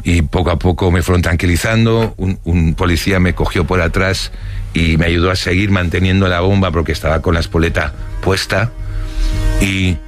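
This middle-aged man from Barcelona has a deep, low voice. He recounts his past in an interview, pausing often on fillers and restarting his sentences. Faint music plays under him. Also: steady tone. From Barcelona, Spain. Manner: hesitant, many fillers and restarts, chuckles while telling. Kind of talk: recounting life stories.

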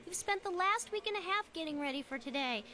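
An actress playing a supportive but exasperated young best friend, animated and emphatic, in a family radio drama. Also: female voice, very high voice, brisk, heavily acted.

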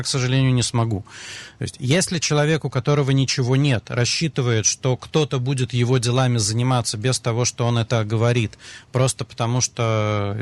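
A man on a radio advice show, answering callers in a measured, explanatory way with a little dry humor. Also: mid-range voice. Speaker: financial advisor.

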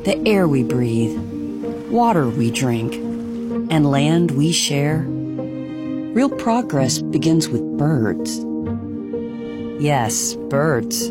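Unhurried, expressive narrator over music. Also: medium pitch. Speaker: commercial narrator. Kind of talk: scripted nonprofit ad narration.

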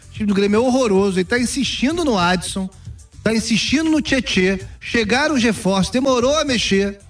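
A man's voice: very high voice, brisk, far from the mic, soft background music. A man commentating on football in a radio sports debate, blunt and emphatic.

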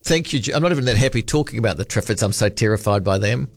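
A man's voice: on the low side, animated, racing, no echo. A man hosting a late-night talkback radio show, chatting and bantering with callers. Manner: chatty, warm-hearted banter, restarts. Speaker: radio host. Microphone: studio microphone.

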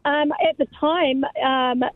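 Aussie lady calling in, high voice, glitchy phone line cutting out, lots of ums. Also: steady tone, takes it slowly, no echo. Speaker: caller. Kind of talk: telling a personal story on radio.

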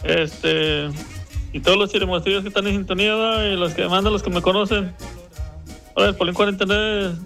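Brief: male caller, high-pitched, rambling shout-outs, music faint behind. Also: fairly even intonation, brisk, gravelly. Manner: casual, rambling, many fillers. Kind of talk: voice message sending shout-outs.

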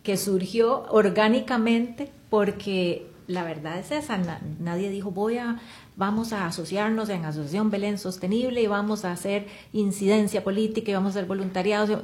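A woman speaks as a guest on a radio program. She answers in a conversational way, at a mid pitch, speeding up in quick bursts now and then. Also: a little mellow. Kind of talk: interview answers.

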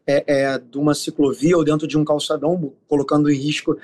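Giving explanatory answers in an interview, a Carioca-accented city official from Rio de Janeiro keeps pausing and repeating fillers as he searches for words. The voice sits fairly high, level in tone and a little mellow.

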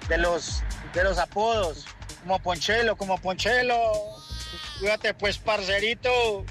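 A man's voice: high-pitched, measured pace, sharp tone, soft background music. A man with a Colombian accent calling in to a radio show, jokey and teasing, full of slang. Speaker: caller. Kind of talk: phone-in chat.

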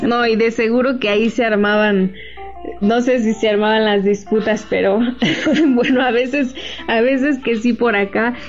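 A woman's voice: a little high, steady tone, measured pace, highs cut off, faint music behind. A woman hosting an interview, friendly and jokey, often chiming in with short affirmations. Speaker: host. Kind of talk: casual interview talk.

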